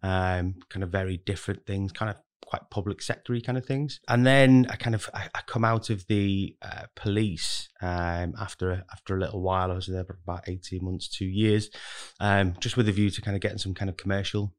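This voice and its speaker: A man's voice: low-pitched, steady tone, fairly quick. A man speaking casually as a podcast guest, rambling and hedging as he explains himself. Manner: rambling, heavily hedged with kind of and really. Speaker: podcast guest, recruitment manager. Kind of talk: casual interview talk.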